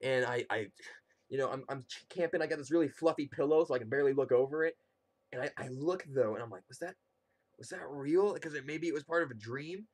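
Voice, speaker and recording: Young man, mid-range voice, casual comedic storytelling, animated delivery, acts out quotes. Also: medium pitch, quick pace. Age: young adult. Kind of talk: casual humorous personal storytelling.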